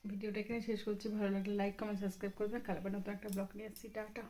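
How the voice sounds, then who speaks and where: Narrating her home vlog in an informal, chatty way, this young mother of a small child speaks in a mellow mid-range voice with a level tone and a racing pace. The home recording is noisy, with ambient sound in the background.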